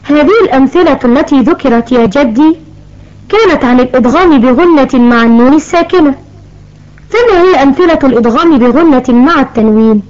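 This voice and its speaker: A woman's voice: high-pitched, a little fast, darkish tone, natural voice. A woman voicing a curious young granddaughter who asks eager questions and carefully repeats examples. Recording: dull lo-fi recording.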